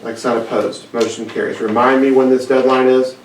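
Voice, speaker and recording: A man's voice: mid-range voice, level tone, a little hiss or hum. Man chairing a council vote, echoey. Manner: halting, procedural, with restarts. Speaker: council presiding officer. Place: council chamber. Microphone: distant room mic. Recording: echoey chamber, distant mic.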